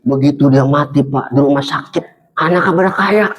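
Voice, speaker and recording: A man preaching a dawn sermon, joking with the congregation and swinging between excited high tones and sad low ones. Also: normal speed, low-quality recording. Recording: live crowd heard around the voice. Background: crowd.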